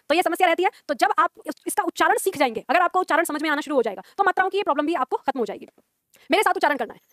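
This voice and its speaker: A woman's voice: high-pitched, a bit bright, no room sound, studio quality. A young woman teaching a Hindi class, explaining pronunciation patiently, repeating points and drilling sounds aloud.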